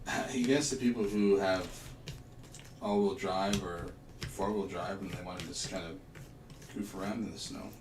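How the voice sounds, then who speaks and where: Low-voiced man, distant and echoey. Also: steady tone, moderate pace, long pauses. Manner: easygoing, joking, grumbles playfully. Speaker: livestream co-host. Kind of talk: casual chat while puzzling. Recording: echoey room, distant mic, noisy.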